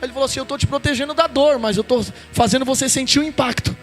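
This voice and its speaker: A man with a Brazilian Portuguese accent, a pastor preaching a fervent Pentecostal sermon in a church, often shouting and chanting his phrases. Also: very high voice, fast talker, soft background music.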